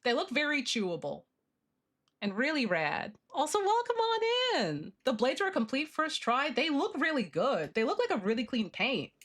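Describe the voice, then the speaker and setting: A woman's voice: sits high, big pitch swings, moderate pace, a bit bright. A woman livestream host chatting casually while she draws, with a cute, bubbly anime-streamer manner and playful, informal slang.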